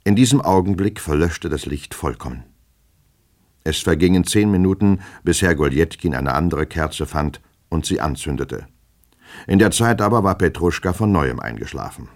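A man narrating a classic novel in a measured, expressive literary reading. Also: low voice.

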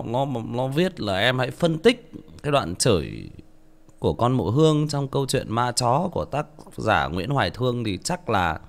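A male audiobook narrator, tired, reading a story and then chatting casually with many restarts. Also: mid-range voice.

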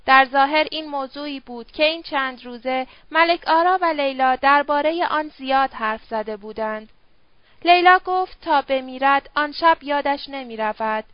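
A woman narrating an audiobook in a steady, measured reading. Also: high voice, no room sound. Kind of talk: scripted narration. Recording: dull dry lo-fi audio.

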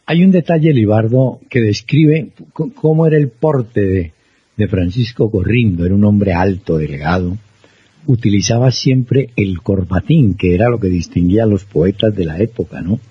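A man hosting a radio show, explaining things in a relaxed way to his co-host. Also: lowish voice, normal speed, husky, dry recording. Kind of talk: conversational radio commentary. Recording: dry, dull lo-fi broadcast.

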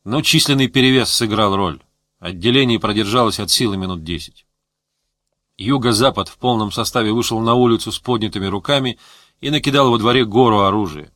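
A man's voice: lowish voice, no echo, studio quality. Man reading an audiobook. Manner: measured, steady reading. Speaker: audiobook narrator. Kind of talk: scripted narration.

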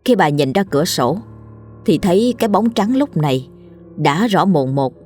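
Woman narrator, ghost story, steady grave telling, low pitch, faint background music. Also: normal speed.

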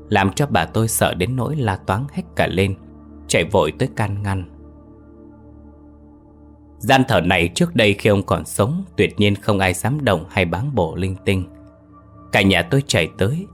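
Male narrator, somber ghost story reading, deep voice, soft music underneath. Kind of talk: scripted horror story narration. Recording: faint background music.

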